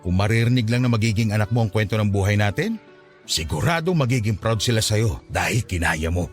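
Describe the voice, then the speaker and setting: A man in his fifties plays a devout, wise father in a Filipino radio drama, gently nagging but fatherly and reassuring, with a Filipino accent. His lowish, natural voice is animated and brisk, with soft music in the background.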